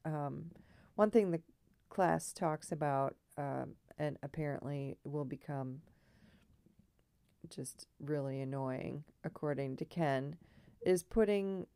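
A woman with a scratchy, hoarse frog voice, talking casually and reflectively in a rambling personal monologue. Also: sits low, a little mellow, no echo. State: throat trouble, hoarse.

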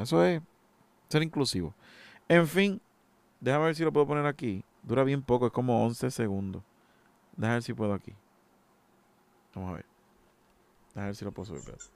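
A man holds forth alone on his podcast, exasperated and insistent. His voice is smooth and resonant, sitting at an ordinary male pitch. The sound is close and dry, with no room around it. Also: dry recording. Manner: indignant, emphatic, exasperated. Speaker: podcast host. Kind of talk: solo opinion monologue.

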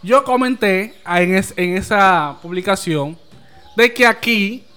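A man's voice: high-pitched, a little slow, pushed and bright, clean tone. A man with a Dominican accent hosting an open-air podcast in casual chat. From Dominican Republic. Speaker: podcast host.

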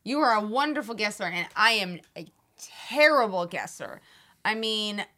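Lively woman in chatty podcast talk. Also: mid-range voice, normal speed. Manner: chatty, sympathetic, finishes his sentences. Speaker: podcast co-host. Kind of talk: casual chat.

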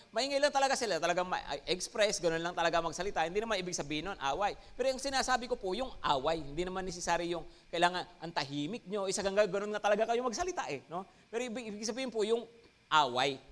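A Filipino man preaching from the pulpit in a fairly high voice. He swings between Tagalog and English, pushing key words up and out with bursts of emphasis. He keeps checking in with his listeners as he goes. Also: fairly bright tone. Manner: mixes Tagalog and English, frequent "no?" and "Amen?" check-ins. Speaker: pastor. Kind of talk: sermon.

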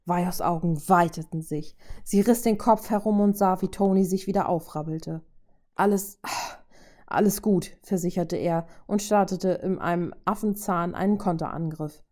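Woman reading fanfic out loud, low mellow voice, steady. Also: normal speed, few pauses. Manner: steady narration with voiced dialogue. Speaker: reader. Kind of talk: reading fan fiction aloud.

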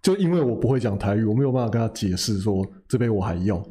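A young man, telling a story in casual chat. His voice is very dark and mellow, and he rattles along quickly, restarting phrases and laughing at himself. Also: fairly low pitch, expressive. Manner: rambling, self-correcting, laughs at himself. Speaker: podcast co-host.

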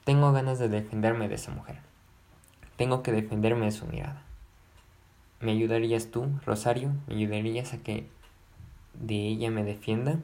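A man reading aloud, voicing an agitated, lovesick gentleman who pleads and repeats himself. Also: fairly low pitch, steady tone, moderate pace, long pauses, close to an everyday voice. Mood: impassioned. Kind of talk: audiobook narration.

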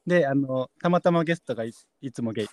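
A man's voice: medium pitch, quick pace, a little mellow, no echo. A man hosting a casual podcast, polite and playful, laughing often as he chats with a guest. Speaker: podcast host.

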